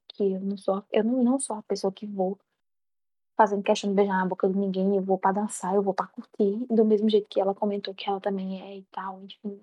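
A young adult woman in a relaxed, self-mocking casual chat. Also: mid-range voice, dry recording, highs cut off.

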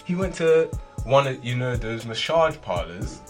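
A man with an urban London street accent, telling stories in animated, slangy banter as a podcast co-host. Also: medium pitch, unhurried, faint music behind. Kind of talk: casual storytelling banter.

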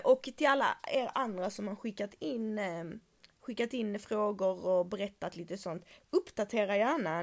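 A young Swedish woman hosting a podcast, chatting casually and reading listener messages, outspoken and swearing freely with English slang mixed in. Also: fairly high pitch. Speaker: podcast host.

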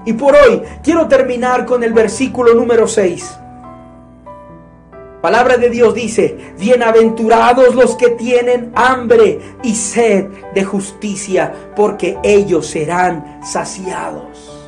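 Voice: medium pitch, steady tone, slow pace, a little mellow, faint music behind. A preacher giving a sermon in an earnest, emphatic way, often asking the listeners questions.

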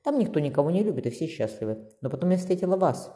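A man lifting his voice into a soft-spoken young girl, tender and wistful, her phrases rising and falling in a lively sing-song. The sound carries a long echoing reverb, and the tone stays mellow. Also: fairly high pitch, quick pace, voice pushed up. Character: gentle young girl who talks to birds.

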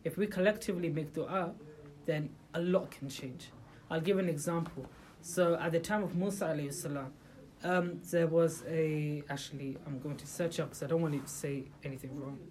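Leading an informal religious talk for a small group in a room, this speaker has a middle-pitched, slightly mellow voice at a moderate pace. Rhetorical questions and hesitant restarts are frequent. The rough recording has faint background noise underneath.

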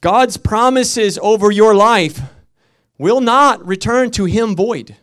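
Male pastor, fiery sermon delivery, rhythmic repeats, slightly high voice. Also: takes it slowly. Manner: impassioned preaching, swinging from loud emphatic peaks to quiet storytelling; repetitive, rhythmic emphasis.

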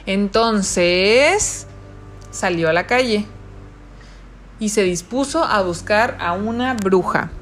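A woman's voice: mid-range voice, slight background noise. A woman reading a children's story aloud and asking the young listeners questions about it. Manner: warm questioning of the children, slow expressive reading.

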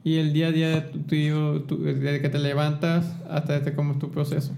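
A man's voice: a little high, level tone, brisk, vocal fry, warm tone. A man with a Mexican accent hosting a casual interview, asking questions in a friendly, slangy way. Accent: Mexican Spanish. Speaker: podcast host.

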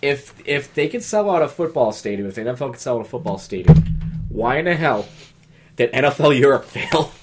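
A man's voice: mid-range voice, expressive, a little fast, very noisy. A man from New England, co-hosting a casual chat and rambling through sports trivia with jokes and the odd swear. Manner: rambling, jokey, swears, trails off into mumbles. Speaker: podcast co-host.

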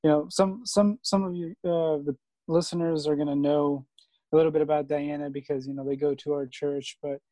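A man hosting a casual chat, halting and filled with "uh" and "you know". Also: a little high, flat delivery, dark tone, no echo, poor audio. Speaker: host.

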